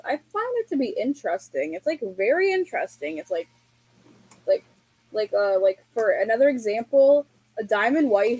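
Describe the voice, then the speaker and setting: A woman chatting on a live stream, halting and full of fillers. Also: a little high, a little mellow, poor audio. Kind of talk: casual live-stream chat.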